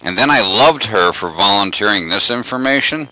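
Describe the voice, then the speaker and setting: Male radio guest, lowish bright voice, meandering storyteller with constant fillers. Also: expressive, moderate pace, low-quality recording. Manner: rambling, many "you know" fillers. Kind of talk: radio talk show interview.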